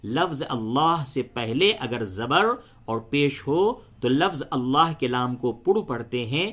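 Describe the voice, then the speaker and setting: A man teaching Quran recitation rules, patiently repeating each point step by step and slowly chanting verses. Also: mid-range voice, a bit bright. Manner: slow melodic chanting when reciting verses. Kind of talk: tajweed lesson, spelling out letters and reciting.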